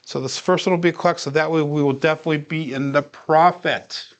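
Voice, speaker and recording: On his livestream, a craps practice streamer talks through each roll without hurrying. He has a relaxed, clean-toned voice that sits fairly high for a man and is easy to listen to in the background.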